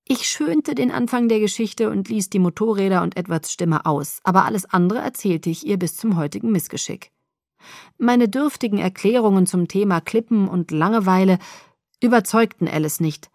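A woman narrates a novel in the first person. Her storytelling is steady and even-toned, with a mid-range voice. The close studio sound is dry with no room echo. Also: medium pitch, normal speed. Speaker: audiobook narrator.

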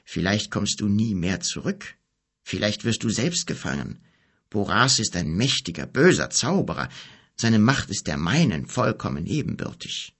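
A man reading an audiobook, voicing a grave, gentle bearded wizard in a solemn, hushed, unhurried way. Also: fairly low pitch, big pitch swings, gravelly, breathy edge, heavily acted. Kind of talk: audiobook character voice.

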